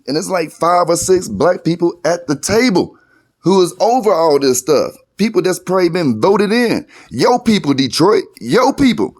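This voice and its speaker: A man's voice: high-pitched, animated, moderate pace, a little mellow. Indignant slangy man ranting. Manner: indignant, slangy, loose and conversational. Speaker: co-host. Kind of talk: casual commentary rant.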